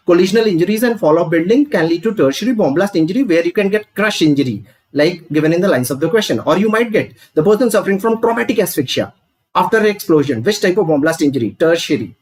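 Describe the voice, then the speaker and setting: A man with a North Indian accent teaching an exam review class, posing questions and answering them in a didactic way. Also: a little high. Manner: didactic, asks questions and answers them, repeats key points; mixes Hindi phrases into English. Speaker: medical lecturer. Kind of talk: exam review lecture, live online class.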